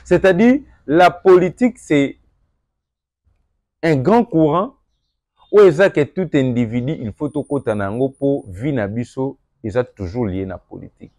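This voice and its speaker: A young Congolese man with a Congolese French accent giving an earnest address to viewers, moving between calm reflection and emphatic appeals. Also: medium pitch, measured pace, no echo, studio quality. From Democratic Republic of the Congo. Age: young adult. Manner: earnest, rising to emphatic, mixes French and Lingala. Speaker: political commentator.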